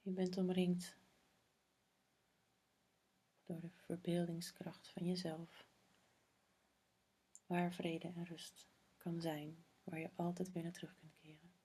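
Soft, breathy half-whispering woman guiding meditation. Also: on the low side, little pitch movement, low-quality recording. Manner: slow, soothing spa-like delivery with long pauses. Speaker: meditation guide. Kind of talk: guided meditation.

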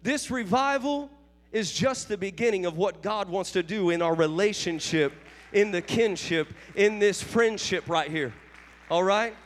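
A man's voice: high-pitched, a little slow, in a large hall. A man pastor preaching a revival sermon in a church sanctuary, fervent, calling out to his congregation for amens. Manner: fervent preaching with call-and-response.

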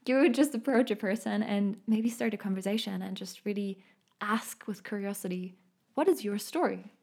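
Woman, German accent, podcast host; gentle, reflective delivery, gravelly fry in the voice. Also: mid-range voice, fairly even intonation, normal speed. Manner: reflective, gentle, thinking aloud with many fillers. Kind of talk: solo podcast monologue.

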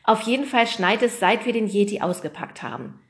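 A woman's voice: mid-range voice, expressive, a little fast, voice pushed up, lightly acted. A woman voicing a level-headed young boy who talks in a dry, earnest way.

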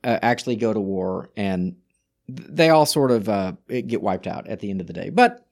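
A man's voice: lowish voice, animated, moderate pace, gravelly, a little mellow. A man co-hosting a podcast, reading historical passages aloud and discussing them casually, often restarting his sentences. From Czech Republic. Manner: reads from sources with frequent restarts. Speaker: podcast co-host.

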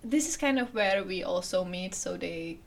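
A young woman co-hosting a casual podcast, chatty and quick to laugh, recorded in a kitchen. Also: fairly low pitch, creaky, far from the mic, slight background noise. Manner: giggly, animated, laughs often. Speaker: podcast co-host. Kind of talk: casual chat. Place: youth center kitchen.

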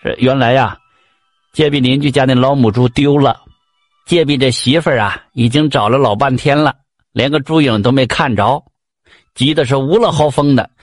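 A man with a Northeastern Mandarin accent telling a folk tale in a lively, chatty, colloquial way. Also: medium pitch, normal speed, no room sound, faint music behind. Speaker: storyteller.

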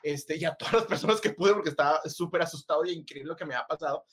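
A Mexican-accented man with a fairly high voice tells a personal ghost story on a podcast. He is casual and animated, drops slang freely and laughs often as he talks. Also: very fast, husky. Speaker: podcast co-host.

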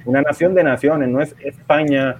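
A man from Puerto Rico with a Puerto Rican Spanish accent, partly softened by years in Spain, speaking as a guest in a casual conversation and explaining things at a measured pace. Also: on the high side, steady tone, slight background noise. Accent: Puerto Rican Spanish, partly softened by living in Spain. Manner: explanatory, measured, chuckles often. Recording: tinny phone-like remote line.

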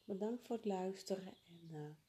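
A woman leading a guided breathing exercise in a calm, soothing, unhurried way. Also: mid-range voice.

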